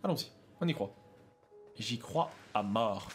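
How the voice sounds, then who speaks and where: A young man giving casual gaming commentary as a let's play streamer, excitable, shouting and yelping at the game. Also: lowish voice, a little slow, faint music behind.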